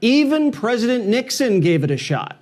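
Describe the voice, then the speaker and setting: A man's voice: extremely high pitch, big pitch swings, moderate pace, darkish tone. A man delivering a scripted satirical political monologue in a sarcastic, mocking and punchy manner. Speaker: television political commentator.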